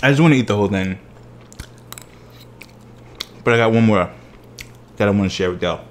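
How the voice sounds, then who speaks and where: At normal speed and in a fairly low voice, a thirtysomething food vlogger chats while sampling desserts in his home living room. A slight hiss or hum runs under the recording, and he savors each bite with exuberant delight.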